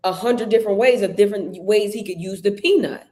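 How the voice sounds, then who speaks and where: Animated woman hosting a faith chat. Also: mid-range voice, a little fast. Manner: animated, storytelling with acted-out quotes. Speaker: podcast host. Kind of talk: casual faith-based business chat.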